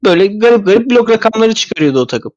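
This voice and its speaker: A man's voice: sits high, animated, fast, a little mellow, no echo, highs cut off. A man sick with a cold, his voice thick and stuffy, giving casual, rambling basketball analysis as a podcast commentator. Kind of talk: casual sports analysis talk.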